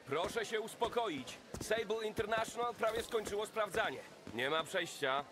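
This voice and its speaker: A male security guard in a video game, firm but placating. His voice sits high, with clear noise around it. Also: lively intonation, moderate pace. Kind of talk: dubbed video game acting. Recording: noisy ambience behind the voice.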